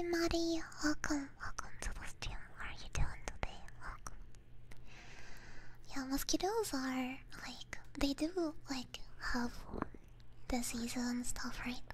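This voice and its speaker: Whispering softly and breathily into a close binaural ASMR mic, this female live streamer makes casual conversation with her audience. Her voice is high, the whisper mostly unvoiced, and faint background noise plus soft clicks can be heard.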